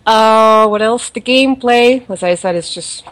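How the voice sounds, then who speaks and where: A woman with a non-native accent of unstated origin chats casually on a podcast, reviewing a mobile game and rambling with fillers and laughter. Her voice is fairly high and a little slow.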